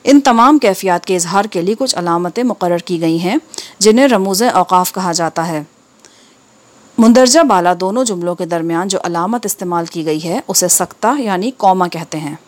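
Woman, textbook reading, careful measured delivery, steady pauses, mid-pitched voice. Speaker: textbook reader. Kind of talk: reading an Urdu textbook aloud.

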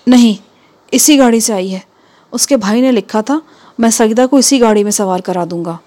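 A woman's voice: on the high side, dark tone, lightly acted. A woman reading the part of an anxious woman who keeps fretting about a relative on a wrecked train, in a raised, strained voice. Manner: fretful, pleading. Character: anxious woman fearing for her arriving relative.

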